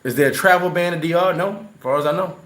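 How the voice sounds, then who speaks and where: A man's voice: a little high, fast talker, a bit bright. A man hosting a casual livestream, answering his chat in a loose, rambling way and repeating words when he gets worked up. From New York. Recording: roomy echo.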